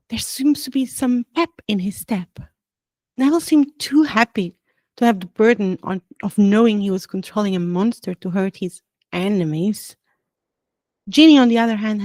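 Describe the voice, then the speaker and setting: A woman narrating a storybook aloud at a steady, even pace with some dramatic lifts. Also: mid-range voice, no echo. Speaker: audiobook reader.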